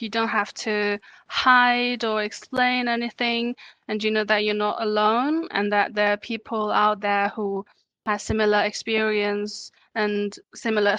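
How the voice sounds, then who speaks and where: A woman from China, a podcast guest answering in a relaxed way with light laughter. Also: on the high side, clear, resonant tone, no room sound. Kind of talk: casual interview answers.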